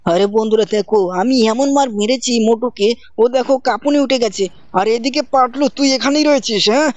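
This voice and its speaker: A gaming channel host narrating gameplay and scolding characters in a loud, theatrical role-play. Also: medium pitch, fast, no room sound. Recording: dry, dull lo-fi mic.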